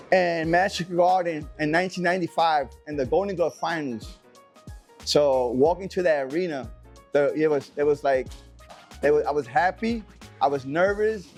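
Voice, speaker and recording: A man's voice: fairly high pitch, darkish tone. A middle-aged man from Puerto Rico, a former professional boxer, talking casually in an interview with many fillers and repeats. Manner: rambling, repeats himself, many fillers like "you know".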